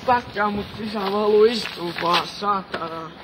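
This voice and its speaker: A man with a notably high voice rants, slurred and drunk, cursing and repeating himself. He is recorded outdoors in the cold beside a car on a handheld camera. Loud background noise covers the home video. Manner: swears constantly, repeats himself, complains loudly. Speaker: drunk friend being filmed.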